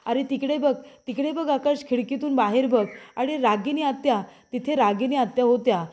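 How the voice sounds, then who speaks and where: A woman's voice: high voice, moderate pace, a little mellow. A woman voicing a frightened, anxious young wife. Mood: insistent. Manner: anxious, pleading, insistent.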